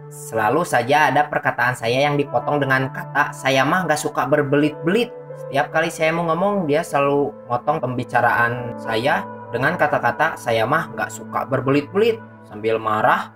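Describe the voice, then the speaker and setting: Young male shop owner, Sundanese accent, mid-range voice, earnest storyteller; faint guitar bed. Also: mid-range voice. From Sundanese region of West Java. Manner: earnest, polite, slightly exasperated. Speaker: computer repair shop owner. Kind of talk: recounting a personal story. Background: faint guitar music.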